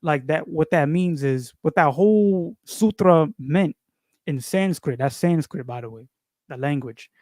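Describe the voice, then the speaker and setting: A man from New York speaks in a fairly high, slightly mellow voice at an unhurried pace, with a dry, close sound and no room echo. The video creator delivers a casual spiritual monologue, rambling, repeating phrases, and using lots of fillers and slang.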